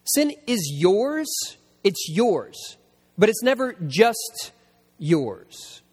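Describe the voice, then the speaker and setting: A man preaching a sermon and telling personal stories, slowing down to repeat his key lines for emphasis. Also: high-pitched, sing-song, a little mellow, slightly rough. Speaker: pastor. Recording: long hall reverb.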